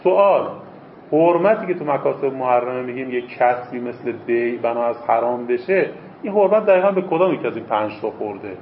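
A man's voice: mid-range voice, a little hiss or hum. A man teaching a seminary class, posing rhetorical questions, answering them himself and repeating key phrases for emphasis. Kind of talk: lecturing on Islamic jurisprudence. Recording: echoey, dull lo-fi classroom recording.

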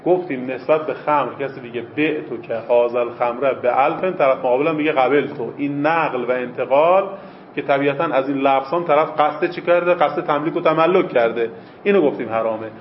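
A man's voice: medium pitch, a little hiss or hum. A man teaching a seminary class, posing rhetorical questions, answering them himself and repeating key phrases for emphasis. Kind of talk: lecturing on Islamic jurisprudence. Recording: echoey, dull lo-fi classroom recording.

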